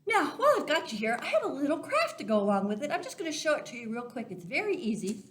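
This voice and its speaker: A woman with a high, sing-song voice talks fast as she leads a children's Sunday school lesson with a craft demonstration. She explains things simply and step by step, as if to young listeners.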